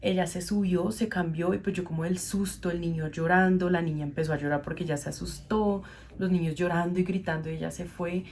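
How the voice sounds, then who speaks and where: A woman's voice: fairly low pitch, slight background noise. A young woman, telling a personal story as a vlogger and acting out the people she quotes. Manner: animated storyteller, acts out quoted dialogue. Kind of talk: casual storytime vlog.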